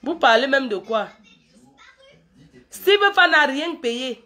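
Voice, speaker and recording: A high-pitched woman talks straight to her viewers in a casual live stream. She argues hard and keeps throwing out rhetorical questions. Her delivery is animated and never lets up. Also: takes it slowly. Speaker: vlogger addressing viewers.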